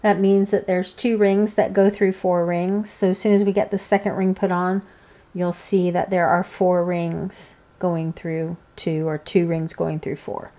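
A woman giving informal, hands-on step-by-step craft instruction, pausing between steps. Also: on the low side, level tone, warm tone. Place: indoors, seated at a work table.

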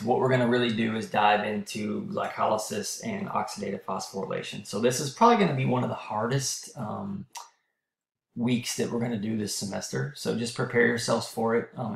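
A man lecturing to students with a very gravelly, creaky voice that is starting to go. He clears his throat often and keeps checking in with "okay?". The recording sounds roomy and echoey. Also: mid-range voice, a bit bright. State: losing his voice. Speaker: college lecturer.

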